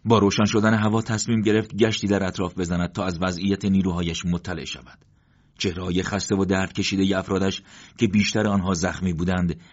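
Brief: male audiobook narrator, very low voice, steady solemn delivery, dull lo-fi recording.

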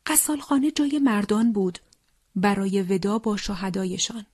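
A woman reading a wartime testimony as scripted narration, solemn and slow, often sinking into a hushed whisper. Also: medium pitch, lively intonation, no room sound, clean studio sound.

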